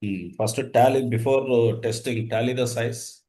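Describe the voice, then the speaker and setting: A man's voice: medium pitch, fairly even intonation, moderate pace, dark tone. A man teaching an interactive coding lesson, dictating in short fragments and quizzing his students as he goes. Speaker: instructor.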